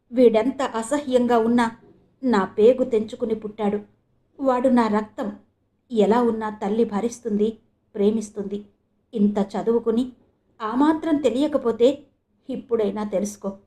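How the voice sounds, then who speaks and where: A woman's voice: fairly even intonation, moderate pace, long pauses, warm tone, natural voice. A woman voicing a distraught young mother who cries and pleads, from an audio novel. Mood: defiant. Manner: tearful, pleading, high-strung.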